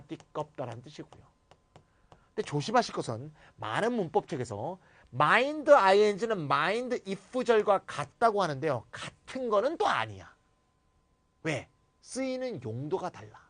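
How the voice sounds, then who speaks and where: A man lecturing on grammar in a high voice that swoops up and down. He is playful and animated, moves between formal and blunt casual speech, and acts out sample replies. The recording is dry and close. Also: no room sound.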